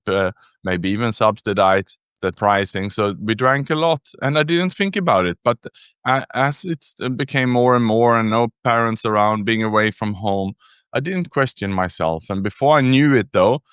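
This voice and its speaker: A man from Sweden, a native Swedish speaker, talking in English as a podcast guest, telling his story reflectively with frequent pauses and restarts. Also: on the low side, a bit bright, clean tone, dry recording, studio quality. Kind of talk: casual interview storytelling.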